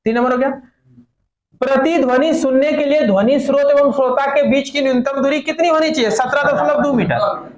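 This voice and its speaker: A man's voice: extremely high pitch, brisk, roomy sound. A man teaching a physics lesson to a class, asking questions and joking with students.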